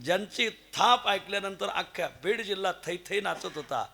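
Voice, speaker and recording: High, gravelly-voiced male kirtan preacher. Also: moderate pace. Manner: animated storytelling, swinging between loud exclamations and hushed asides. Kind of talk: devotional kirtan sermon with storytelling.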